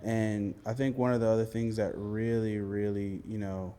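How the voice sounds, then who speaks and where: A man hosting an interview, relaxed and conversational, with lots of "you know" fillers. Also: fairly low pitch, moderate pace, clear, resonant tone, in a large hall. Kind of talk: casual interview.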